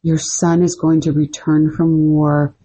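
A woman voicing an infant holy child speaking from a church statue in a joke, slow and soothing. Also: deep voice, flat delivery, warm tone, husky. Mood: reassuring.

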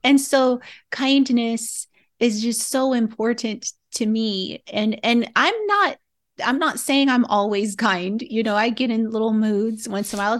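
A woman guest in an interview, speaking earnestly and reflectively, often breaking into laughter. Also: on the high side. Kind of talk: candid interview conversation.

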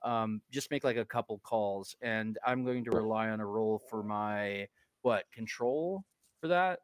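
A man's voice: fairly low pitch, unhurried, clear, resonant tone, dry recording. A man playing a tabletop game, chatty and joking, often breaking into laughs. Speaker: player. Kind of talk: casual tabletop play.

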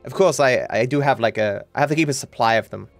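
A man's voice: medium pitch, fast, gravelly, no echo, soft background music. A man in his thirties hosting a casual podcast chat, rambling and swearing freely with frequent laughs. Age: 30s. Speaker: podcast host.

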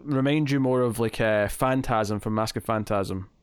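A man's voice: on the low side, moderate pace, smooth, no room sound. Joking male podcast co-host, dry sound. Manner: joking, laughs often, animated asides. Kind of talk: casual chat.

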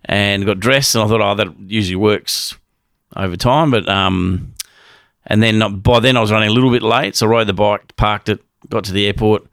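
A man's voice: fairly low pitch, steady tone, normal speed, a bit bright, clear, resonant tone, no room sound, clean studio sound. A man, sheepishly telling a funny personal story as an interview guest and laughing as he goes. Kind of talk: casual storytelling.

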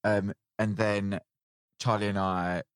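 A man's voice: lowish voice, little pitch movement, slow pace, clean tone, no room sound, clean studio sound. A man hosting a casual podcast chat, candid and teasing in the way he talks. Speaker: podcast host.

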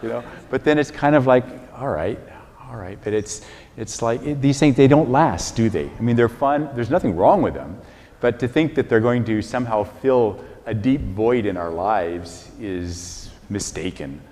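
An older man, a priest, giving a relaxed, conversational homily with chuckling, self-deprecating stories. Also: mid-range voice, moderate pace. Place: large church. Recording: reverberant church hall.

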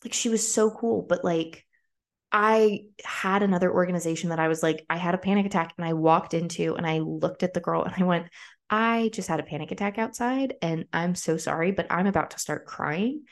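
A woman's voice: on the low side, brisk. A woman in her twenties hosting a podcast, telling a personal story in a casual, chatty way full of "like" fillers. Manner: chatty, frequent "like" fillers, acts out quoted voices. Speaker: podcast host.

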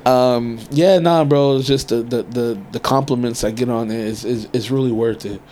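An American man with a medium-pitched voice tells stories in casual, slangy, swear-heavy talk. He acts out quoted reactions with animation. There is faint ambient noise behind him. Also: normal speed, mellow. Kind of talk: casual chat, storytelling.

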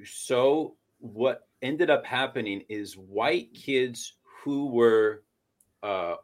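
A man from Portland, Oregon, co-hosting a casual political discussion, talking in a hesitant, analytical way. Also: medium pitch. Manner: hesitant, analytical, restarts a lot. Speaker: podcast co-host.

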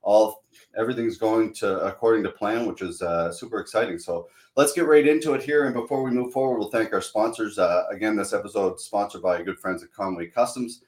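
A man's voice: on the low side, brisk, darkish tone. A hungover man hosts a podcast in a casual, hesitant way full of uhs. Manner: informal, hesitant, frequent uhs. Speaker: podcast host. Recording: roomy, echoing sound.

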